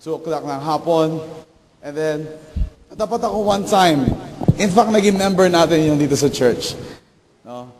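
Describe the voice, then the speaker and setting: A middle-aged male pastor giving a sermon, telling animated stories and acting out the voices of the people in them. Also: a little high, a little slow, pauses often, a little hiss or hum. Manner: animated, acts out quoted voices. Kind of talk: Taglish sermon storytelling. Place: church sanctuary. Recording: reverberant church hall.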